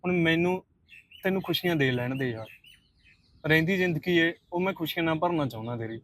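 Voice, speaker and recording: A man's voice: on the high side, fast, a bit bright, close to an everyday voice. An actor playing a young man who earnestly pleads with a woman to marry him, in a short film drama.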